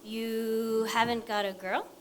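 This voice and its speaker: A woman playing a wry, deadpan dancer. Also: fairly high pitch, slow pace, a little hiss or hum. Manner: deadpan, plain-spoken quips. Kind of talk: stage play acting.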